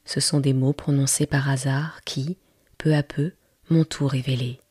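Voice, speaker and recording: Low breathy woman in whispered role-play storytelling. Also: steady tone, no echo, studio quality, faint music behind. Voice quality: very breathy, husky half-whisper. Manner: slow, soft, measured reading. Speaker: narrator reading a storybook aloud.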